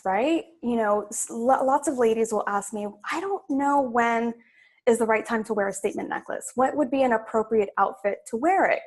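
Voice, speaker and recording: Young woman from sudan chatting as a stylist guest, kinda high voice, lots of ums. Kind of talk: casual interview.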